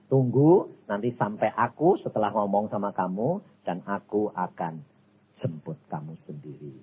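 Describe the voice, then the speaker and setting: An elderly man with a Javanese accent voicing God as a calm, solemn male figure, speaking low and measured. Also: a little hiss or hum, close to an everyday voice. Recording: tinny phone-like recording.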